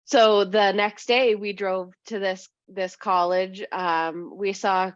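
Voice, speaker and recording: A young woman from New Hampshire, a podcast guest telling a long anecdote casually, full of "like" and "um", and lively when she quotes people. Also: medium pitch, slow pace, no room sound. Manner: rambling, heavy use of "like" and "um"; animated when quoting others. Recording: dry, slightly muffled podcast mic.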